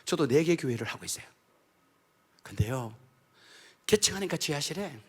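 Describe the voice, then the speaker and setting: A middle-aged man preaching an evangelical sermon with personal testimony in a church, talking emphatically and swinging from hushed asides to shouted outbursts. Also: fairly high pitch, breathy edge. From South Korea. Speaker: Baptist pastor. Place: church sanctuary during an evening service.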